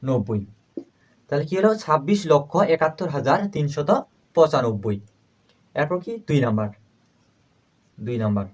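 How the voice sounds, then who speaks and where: Man slowly repeating numbers in a lesson. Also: on the high side, lively intonation, a little mellow. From Bangladesh. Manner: asks and answers his own questions, repeats numbers slowly. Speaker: math teacher. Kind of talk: step-by-step math lesson.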